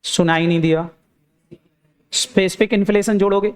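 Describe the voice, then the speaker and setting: A man teaching an accounting class in a lecture style, firing questions at students and answering them himself in a lower voice. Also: steady tone, normal speed. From India. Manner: urging, repeats phrases for emphasis.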